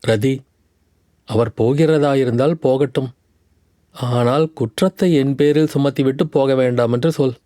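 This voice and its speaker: A proud young dancer woman who answers with reproach, hurt and bitter, read by a male narrator. The voice is mellow and dark, recorded close and dry. It is an audiobook tale. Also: mid-range voice, measured pace, no room sound, natural voice. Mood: sobbing. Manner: reproachful, speaks through a pet deer.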